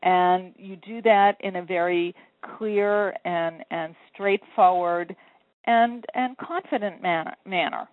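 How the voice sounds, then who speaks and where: A woman's voice: on the low side, slow, no room sound. A woman sales coach and author giving earnest, encouraging advice step by step in a phone interview. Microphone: telephone. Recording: tinny phone line.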